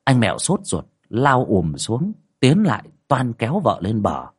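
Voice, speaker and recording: A man's voice: measured pace, breathy edge. A man narrating a spoken ghost story in a dramatic way. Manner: dramatic, lively pitch.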